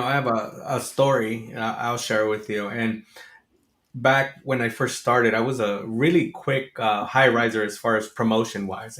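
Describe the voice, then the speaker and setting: A man's voice: mid-range voice, fairly bright tone. A man hosting an interview, telling a personal story candidly with plenty of fillers and restarts. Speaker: host. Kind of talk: conversational interview. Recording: echoey room.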